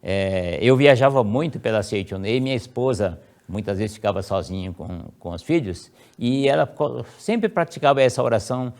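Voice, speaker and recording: A middle-aged man with a Brazilian Portuguese accent giving a sermon for an online meeting. He recites prayers slowly and emphatically and fills his speech with many pauses. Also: mid-range voice, a little mellow. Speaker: lecturer of a religious movement. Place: home, recorded for an online meeting.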